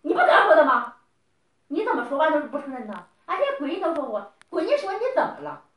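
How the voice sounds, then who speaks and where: A woman's voice: sits high, sing-song, fast talker, roomy sound. A middle-aged woman scolding someone in a heated family argument, lecturing and firing off repeated questions.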